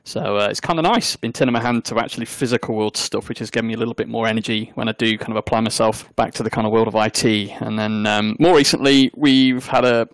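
A man's voice: fairly low pitch, steady tone, fast talker, hardly any pauses, no echo. A man with an East Midlands accent from South Derbyshire, chatting casually in a wry, self-deprecating way. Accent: East Midlands English, South Derbyshire. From English Midlands, South Derbyshire. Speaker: guest, network engineer. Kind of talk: casual chat.

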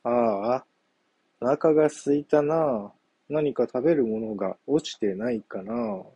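Sly hungry monkey, boastful and whiny, high husky voice; male narrator doing the voice. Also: expressive, a little slow, mellow, no echo, lo-fi sound, heavily acted.

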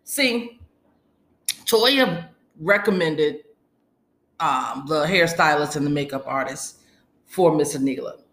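A woman's voice: low voice, lively intonation, slow pace, long pauses, fairly bright tone. A woman giving a casual, emphatic recap monologue as a commentator, repeating phrases for stress and acting out quotes as she retells them. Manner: acts out quoted lines while retelling. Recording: echoey room.

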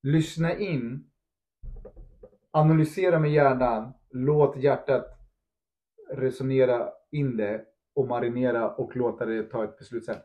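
A man talking as a podcast co-host and football coach in casual chat, acting out quotes and tossing in English phrases. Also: medium pitch. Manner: animated, acts out quotes, mixes in English phrases; asks "förstår du?" often.

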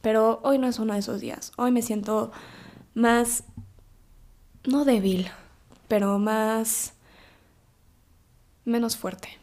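A woman's voice: a little high, flat delivery, takes it slowly, long pauses, a little mellow. A young woman with a Mexican accent in her twenties, speaking an intimate, emotional personal monologue on her podcast. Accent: Mexican Spanish. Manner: emotional, confessional, teary at times. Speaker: podcast host.

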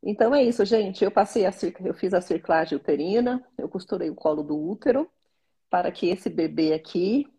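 Pregnant Brazilian woman, 40s, mellow breathy voice, chatty faith vlogger, earnest slow reading. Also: fairly low pitch, animated. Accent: Brazilian Portuguese. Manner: chatty, devout, reads slowly and earnestly. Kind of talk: casual faith vlog with psalm reading. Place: small bedroom.

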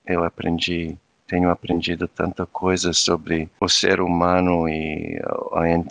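Guest, 50s man, low gravelly voice, dry sound. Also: a bit bright, dry recording. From United States. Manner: thoughtful, searching for words. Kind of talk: reflective interview talk.

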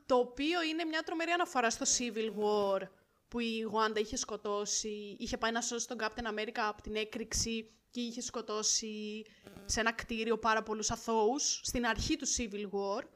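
A young woman co-hosts a casual podcast and recaps episodes eagerly and in detail. Her voice is bright and forceful, pitched a little high. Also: steady tone. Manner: enthusiastic, recaps plot in detail. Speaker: podcast co-host.

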